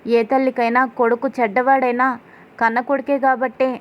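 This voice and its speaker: A warm-hearted middle-aged mother-in-law comforting a young woman in a gentle, coaxing tone, as a woman storyteller voices her. Her voice is a little high. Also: little pitch movement, normal speed, dull audio, natural voice. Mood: tender.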